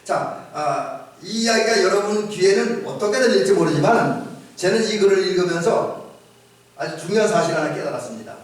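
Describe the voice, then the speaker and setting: A male pastor giving a conversational sermon with frequent pauses and restarts, in an echoey church recording from a distance. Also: sits high, expressive. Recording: echoey church sound from far off.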